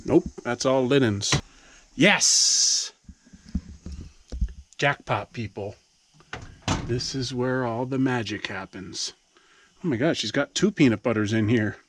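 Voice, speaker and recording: A man's voice: mid-range voice, slow, long pauses, fairly bright tone, a little hiss or hum. A man filming a casual farm vlog outdoors in the rain, exasperated and laughing at himself, getting winded as he hops around. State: out of breath. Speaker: farm vlogger.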